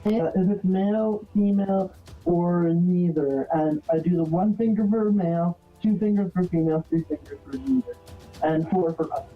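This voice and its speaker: A hesitant player narrates their character's moves with many pauses and fillers. The voice comes through a tinny, phone-like line with faint music behind. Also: medium pitch. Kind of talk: playing a character in a tabletop game.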